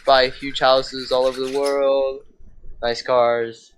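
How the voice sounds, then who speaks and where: A man's voice: medium pitch, little pitch movement, takes it slowly, slight background noise. Slangy, hyped teenage guy. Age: teens. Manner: hyped, slangy, keeps saying bro and dude. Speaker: podcast co-host. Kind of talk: casual podcast chat.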